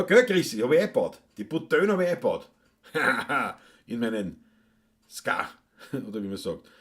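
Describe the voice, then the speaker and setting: Gruff joking Viennese man, lively pitch. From Austria. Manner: gruff, joking, cursing asides. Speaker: solo livestream musician. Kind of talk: casual live-stream chat with Wienerlied singing. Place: home, indoors.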